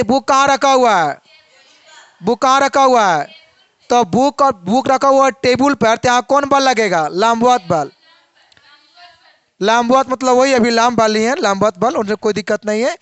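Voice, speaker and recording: A young man teaches a physics lesson and keeps asking questions that he answers himself. His voice is very high and smooth. The recording is dry and close. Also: fairly bright tone, no echo.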